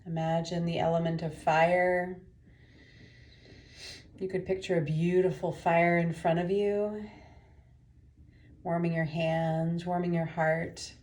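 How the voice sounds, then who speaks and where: Her voice is on the low side with little pitch movement as she, a meditation teacher, leads a guided session with gentle, unhurried instructions and pauses.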